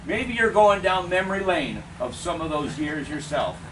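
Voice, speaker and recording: A man preaching a funeral eulogy in measured, deliberate short phrases with pauses. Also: a little high. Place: funeral service, speaker away from the mic. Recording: distant mic, clear steady air-conditioning noise.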